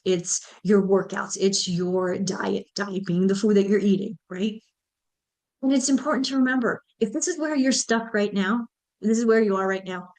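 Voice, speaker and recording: A woman in her 50s from the United States hosts a motivational solo podcast as a menopause mentor, addressing listeners directly and encouragingly. Her voice is mid-range with a darkish tone.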